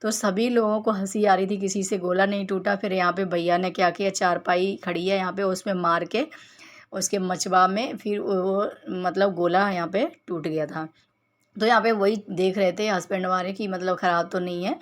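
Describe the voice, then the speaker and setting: A woman's voice: mid-range voice, fairly even intonation, moderate pace. A woman in her thirties from Uttar Pradesh, narrating her family vlog in a chatty, homely way and walking viewers through each clip. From Uttar Pradesh, India. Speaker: family vlogger. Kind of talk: casual vlog voice-over narration.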